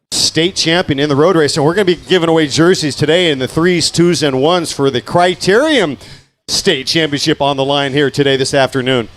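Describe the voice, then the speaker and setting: A man giving live bike race commentary, full of dad jokes and energetic calls of the action. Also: a little high.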